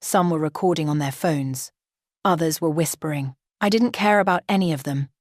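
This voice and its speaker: A woman narrating a first-person story in a steady, dramatic way. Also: deep voice, normal speed, dry recording, studio quality.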